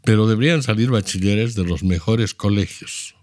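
A very low-pitched man in his seventies speaks with a Bolivian Spanish accent. He explains things at length in a measured, lecturing manner. The recording is close and dry. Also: a little mellow, no echo. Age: 70s. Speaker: interview guest, architect. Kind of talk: reflective storytelling.

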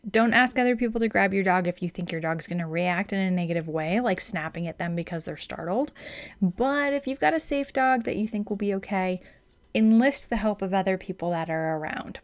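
A woman's voice: medium pitch, expressive, fairly quick. A woman dog trainer explains things in a casual, instructional way. She is chatty and upbeat, and she stresses her main points firmly. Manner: chatty, upbeat, emphatic advice-giving.

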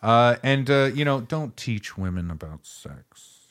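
A man's voice: medium pitch, expressive, unhurried, fairly bright tone. A man co-hosting a comedy podcast, reading old dating advice aloud and joking about it. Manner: reads old quotes aloud, jokey, laughs often. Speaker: podcast co-host. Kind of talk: casual comedic chat.

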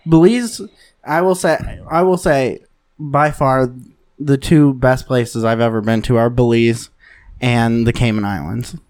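A man's voice: medium pitch, steady tone, a little slow, a little mellow, clear, resonant tone, no echo. A man co-hosting a casual comedy podcast, laid-back and crude with his jokes. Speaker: podcast co-host. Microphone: podcast microphone.

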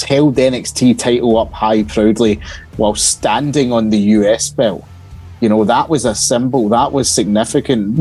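A man's voice: on the low side, darkish tone, husky, rough recording. A man hosting a casual wrestling panel podcast, talking in a conversational way. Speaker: podcast host.

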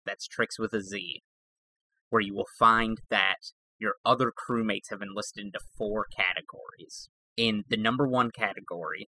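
Comic promo read: a man as a sci-fi mission control officer briefing a crewmate, deadpan and official, bright forceful voice, dry close sound. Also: on the low side, no room sound, heavily acted, low-quality recording. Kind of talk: scripted comic announcement.

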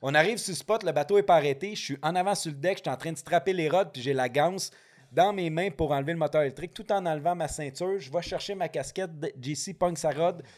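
A man's voice: on the high side, fast talker. A man with a Québécois French accent hosting a casual chat, teasing and slangy, mixing in English words.

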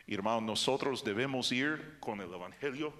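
An older man preaching a sermon as pastor, animated and joking with the congregation. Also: medium pitch, normal speed, long reverb tail, crowd noise.

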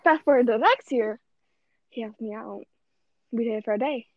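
A woman's voice: a little high, normal speed, dry recording, muffled recording. A teenage girl telling a school romance story in casual chat, chatty and dramatic. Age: teens.

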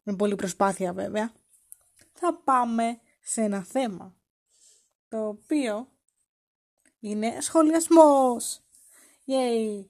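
A woman's voice: on the high side, long pauses, darkish tone. A woman hosting a podcast, talking casually and teasingly as she acts out quoted lines. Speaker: podcast host.

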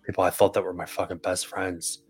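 Deep, flat-voiced man podcasting. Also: a little fast, slightly rough, dry recording, soft background music. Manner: earnest, emotional, swears casually. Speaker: podcast co-host. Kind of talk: casual heartfelt podcast talk. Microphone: podcast microphone.

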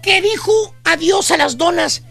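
A man with a Mexican Spanish accent, hosting a radio comedy show and telling a comic story in an exaggerated, squeaky way. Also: unhurried, vocal fry, bright, forceful tone, soft background music. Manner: squeaky, exaggerated storytelling with calls to his "brothers".

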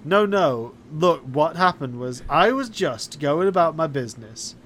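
A man performing improvised comedy, telling rambling absurd stories in a deadpan way. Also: a little high, measured pace, slight background noise.

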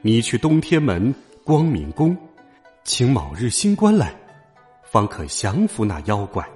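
A man voicing a calm, wise female bodhisattva in a children's story. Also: mid-range voice, faint music behind. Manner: soft, slow and measured.

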